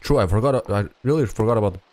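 Low voiced guy streaming a puzzle game, mutters to himself, swears a bit. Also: fast talker, darkish tone, slight background noise. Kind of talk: casual live-stream commentary.

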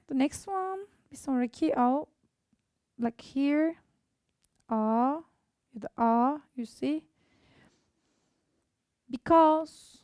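A woman's voice: high-pitched, mellow, dry recording, clean studio sound. A woman with a Turkish accent teaching an online English lesson, carefully reading out example words one by one.

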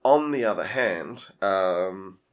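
A man with a low voice hosts a relaxed chat. He talks loosely and hesitantly, full of ums and restarts. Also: takes it slowly. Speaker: podcast host. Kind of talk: casual chat.

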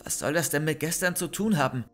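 A man's voice: on the high side, fast talker, fairly bright tone, soft background music, lightly acted. A man voicing a weary, evasive middle-aged mother in a horror story, curt and tense.

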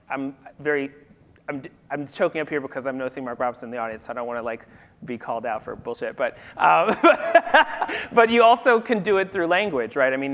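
A man talks on a literary festival panel, his voice at a middling pitch. He thinks aloud in an animated way, peppering his points with "you know". The sound carries a long reverb, the kind a large hall gives. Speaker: panelist discussing theater.

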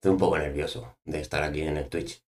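A man voicing a nervous little male toy doll that stands in for the streamer, speaking quietly and repeating himself. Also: rumbling low, steady tone, fast.

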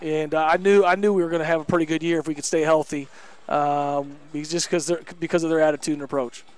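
Talking fast in a slightly high, steady voice with a clear, resonant tone, a head basketball coach in his thirties speaks after a game. Wearing a headset mic on an indoor gym court, he is candid and emphatic, with many fillers.

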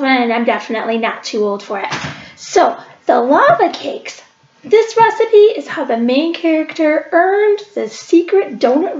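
A woman who hosts a library cooking show chats through a home cooking demo one step at a time, filmed on a webcam from across her kitchen counter. Her voice is high-pitched yet darkish in tone. The audio has the dull quality of a lo-fi webcam and the echo of a kitchen.

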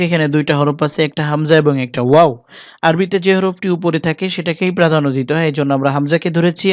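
A man with a Bangladeshi Bengali accent teaching Quran reading, spelling out Arabic letters slowly and deliberately, then chanting the verses in a melodic recitation. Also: a little high, dry recording.

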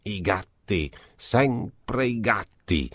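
A man voicing an old impoverished noblewoman with a high, slightly nasal, querulous voice. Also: moderate pace, dry recording. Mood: lamenting. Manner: querulous, self-pitying.

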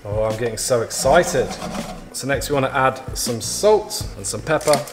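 A man's voice: medium pitch, expressive, moderate pace, noisy background. A man chatting casually as he cooks in his home kitchen, with playful asides and small jokes. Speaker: home cook, vlog regular. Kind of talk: casual cooking walkthrough. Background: background music.

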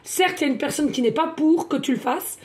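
A woman doing a chatty tarot card reading, often repeating herself and filling pauses. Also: sits high, animated. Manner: chatty, repeats words, many fillers. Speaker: card reader, medium.

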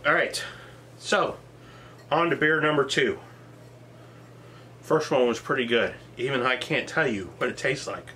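A man's voice: mid-range voice, unhurried, long pauses, bright, forceful tone, slight background noise. A man casually reviewing beers on camera, plainspoken and modest as he thinks aloud about the taste. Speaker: beer reviewer. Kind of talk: casual product review vlog.

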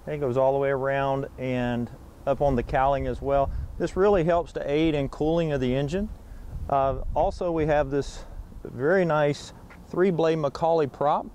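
A man's voice: mid-range voice, darkish tone, slight background noise. A middle-aged man giving a sales walkaround presentation as an aircraft salesman, speaking into a lapel mic. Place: outdoors on an airfield tarmac and inside a small plane cabin.

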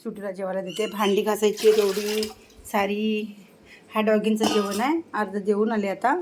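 A woman's voice: mid-range voice, little pitch movement, normal speed, noisy background. A middle-aged woman, chatting casually through a home vlog in her kitchen and cooing in baby talk to her pets. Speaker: home vlogger.

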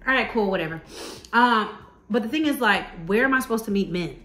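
A woman in her thirties tells a personal story in a casual, animated vlog, talking straight to her viewers. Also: medium pitch, brisk, reverberant. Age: 30s. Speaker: vlogger telling a personal story.

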